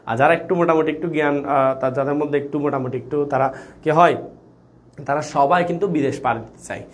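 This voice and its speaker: Young male tutor, Bangladeshi Bengali accent, lively and questioning, a bit high-voiced. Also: a little fast. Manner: lively, quizzing students with rhetorical questions. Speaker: teacher. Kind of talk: online exam-prep lecture.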